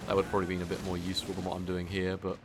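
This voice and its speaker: A man's voice: sits low, monotone, rapid-fire, background noise. A man giving rambling, casual live commentary while playing a video game, often poking fun at himself. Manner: casual, rambling, self-deprecating.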